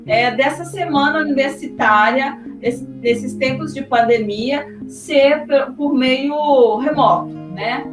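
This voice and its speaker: A somewhat high-voiced woman, hosting an academic interview in a polite, measured way. Her voice sounds roomy and set back from the mic, with music clearly playing underneath. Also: recorded from a distance. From Brasília, Brazil. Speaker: interview host, sociolinguistics researcher. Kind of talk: formal interview hosting and thanks.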